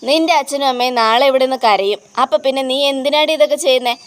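A sharp-tongued woman of the household who picks fights and sneers at others, read by a woman. The voice is smooth and clear, slightly high. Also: fast talker, natural voice. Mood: combative. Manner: sneering, combative.

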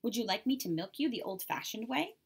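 A woman voicing a calm, polite female farm robot in a children's storybook read-aloud, speaking in a measured way. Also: on the high side, gravelly, husky, pitched above the performer's own voice, exaggerated voice.

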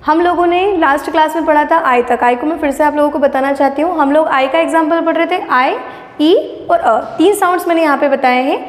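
Woman teacher w a really high voice, goes step by step asking questions, long echo tail. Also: a little fast. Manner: explains step by step, often asks rhetorical questions. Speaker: English teacher. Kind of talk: classroom lesson on phonetic sounds. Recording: echoey room with long reverb.

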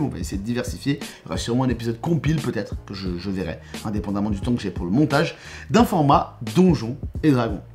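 A man's voice: medium pitch, a little mellow. A man hosting his own tabletop gaming channel, running through upcoming plans in a casual update. He talks with eager enthusiasm, often restarting his phrases. Faint music plays behind him. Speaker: YouTube host and game master.

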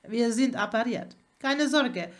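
A woman reading the lines of a polite, calm young male wizard in a fan fiction audiobook. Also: a little high, slow pace. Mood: gentle, polite. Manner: courteous, calm.

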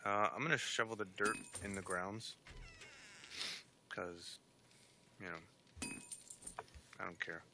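Gravelly low-voiced man gaming streamer. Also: fairly even intonation, takes it slowly, long pauses, sharp tone. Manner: laid-back, chuckling, mutters to himself while playing. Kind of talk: casual co-op gaming chat. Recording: noisy stream audio.

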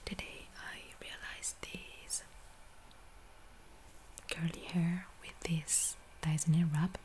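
A woman's voice: low voice, flat delivery. Young woman whispering ASMR. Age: young adult. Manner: whispering, with rapidly repeated trigger words. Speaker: ASMR video creator and streamer. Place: small room at home, indoors. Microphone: close studio microphone.

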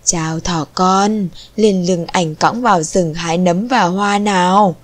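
Storybook fox, sly and fake-friendly, coaxing, read by a woman, slow. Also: on the low side, fairly even intonation, no room sound.

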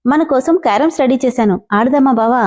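A woman voicing a cheerful, playful young woman who pleads and gets excited. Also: high voice, brisk.

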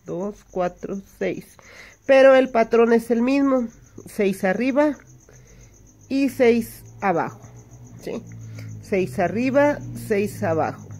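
A woman's voice: fairly high pitch, lively intonation, takes it slowly, long pauses, darkish tone. A woman teaching hand embroidery step by step, patiently counting stitches aloud and checking in with her listeners. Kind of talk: step-by-step craft tutorial.

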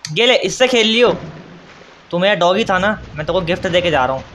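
High-voiced young man teasing playfully. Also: animated, brisk, noisy background. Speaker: gaming YouTuber. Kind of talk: casual gameplay commentary.

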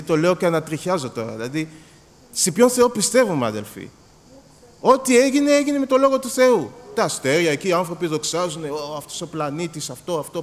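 Animated Greek preacher, high lively voice. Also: male voice. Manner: animated, acts out dialogues, repeats words. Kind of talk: sermon. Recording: long hall reverb.

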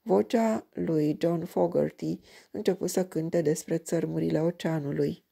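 A woman reading a crime story aloud in an even, measured way. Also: low voice, creaky, husky. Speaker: audiobook reader.

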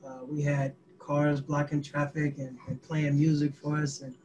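A man in his twenties, speaking from a small room into a laptop mic on a video call. His voice sits a bit high and stays level in pitch. He tells a story haltingly, with many fillers, and faint noise sits under his voice. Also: little pitch movement, a little mellow, rough recording. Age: 20s. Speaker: youth activist guest. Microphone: laptop webcam mic, group on one call.

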